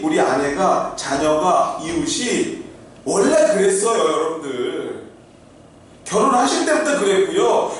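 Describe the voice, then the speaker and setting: A man's voice: high voice, slight background noise. A middle-aged male pastor preaching a sermon in an earnest, conversational way, asking his listeners rhetorical questions. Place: church sanctuary. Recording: very echoey hall, heard from far off.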